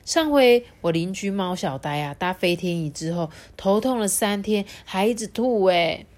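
A thoughtful young boy cat, voiced by a woman reading aloud talks in a gentle, reasoning way. He sounds calm and sensible in a storybook. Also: medium pitch, normal speed, close to an everyday voice.

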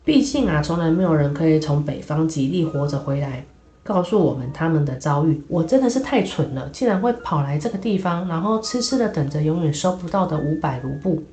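A woman's voice: deep voice, expressive, a little fast, mellow, reverberant. A woman voicing a mean, sour aunt who scolds and sneers at a boy, in a storybook reading. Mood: scornful. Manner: scolding, contemptuous.

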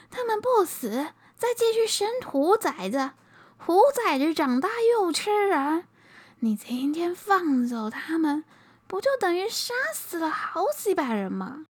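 A woman doing a wily old monk from a spoken folk tale, measured and unhurried in his speech. His voice is breathy and airy. Faint music plays underneath. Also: high voice, no echo, heavily acted. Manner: slow, calm chanting, turning frantic.

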